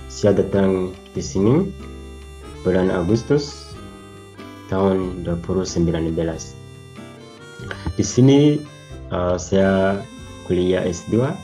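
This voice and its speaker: A young man with a Ugandan accent speaks Indonesian as a foreigner would, in simple, halting phrases. His voice is low and mellow, and he takes his time, speaking slowly through a personal testimonial. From Uganda, East Africa. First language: not Indonesian, learned as a foreigner. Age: young adult. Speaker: international master's student.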